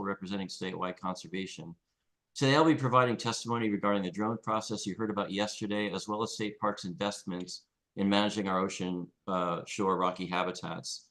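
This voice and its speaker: A man's voice: fairly low pitch, a bit bright, poor audio. A man giving formal prepared testimony to a commission, reading steadily from his remarks, calling in remotely. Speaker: public commenter for a conservation group.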